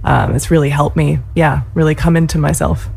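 Low-voiced young woman songwriter guest. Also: fairly even intonation, a little fast, creaky, breathy edge. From UK, raised in Scotland and the US. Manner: soft-spoken, thoughtful, with filler ums. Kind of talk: casual interview.

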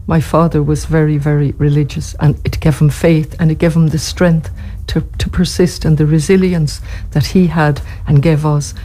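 Answering interview questions earnestly, this guest from Ireland speaks with an Irish accent, passionate and thoughtful, frequently starting phrases over. The mellow, medium-pitched voice moves little in pitch and runs at a normal speed with few pauses, in a rough recording.

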